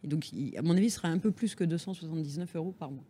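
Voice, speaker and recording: Higher-pitched, mellow man on a panel. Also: racing, slightly rough. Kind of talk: panel discussion. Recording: faint background noise and ambience.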